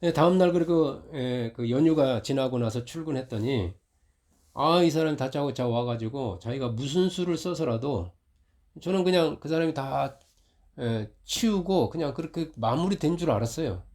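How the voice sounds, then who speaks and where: A middle-aged man preaches in a church with a conversational, storytelling delivery. His voice sits at an ordinary middle pitch, and he grows louder and more heated when he recounts a confrontation. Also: animated, normal speed. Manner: storytelling, rising loud when retelling conflict. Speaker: pastor. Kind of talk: conversational sermon.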